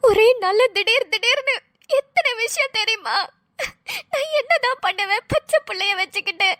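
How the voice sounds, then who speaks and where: A woman's voice: very high-pitched, moderate pace, a bit bright, dry recording, studio quality. A woman voicing a tearful, despairing young wife and mother who wails her pleas in a cartoon. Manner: sobbing, wailing pleas. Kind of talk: dubbed cartoon voice acting.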